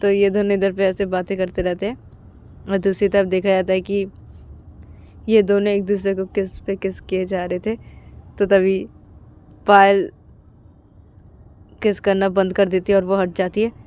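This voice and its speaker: A woman's voice: mid-range voice, level tone, measured pace, long pauses, a little mellow. A woman narrating a romance story in a casual, plain way. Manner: plain, linking with "to tabhi".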